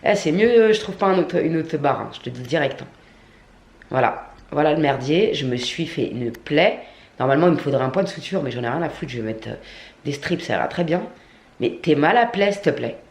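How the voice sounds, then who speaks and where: A woman's voice: sits low, animated, brisk, a little mellow. A woman vlogger telling a storytime rant to camera, indignant, slangy and full of swearing. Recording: echoey room.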